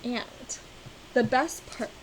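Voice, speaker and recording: A fairly high-voiced woman talks slowly and casually to her camera, gushing over crafting supplies. She keeps bursting into loud, delighted exclamations. A faint hum of room noise sits behind her. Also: low-quality recording. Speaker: cross-stitch vlogger. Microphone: on-camera mic, seated at desk with ring light.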